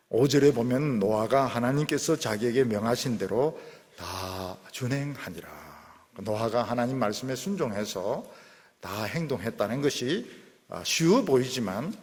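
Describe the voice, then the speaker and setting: A male pastor preaching a sermon, his voice jumping high for emphasis and then dropping low. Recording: long church reverb.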